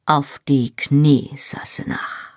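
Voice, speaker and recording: A reader voicing a tender, teasing young Scottish husband in an audiobook, speaking softly and intimately, often in a whisper. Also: mid-range voice, fairly even intonation, slow pace, dry recording, studio quality, lightly acted. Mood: intimate, playful. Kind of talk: audiobook reading.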